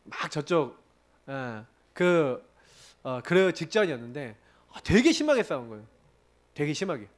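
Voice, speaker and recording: Lively high-voiced male pastor preaching. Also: measured pace, pauses often. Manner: animated storytelling preacher, acts out quoted prayers and arguments. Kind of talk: sermon.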